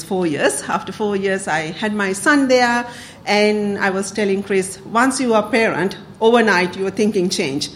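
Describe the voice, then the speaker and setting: A Sri Lankan woman speaks on behalf of the community council in a public talk to a club. Her medium-pitched delivery is hesitant, full of fillers and the occasional laugh. There's a little hiss or hum in the recording.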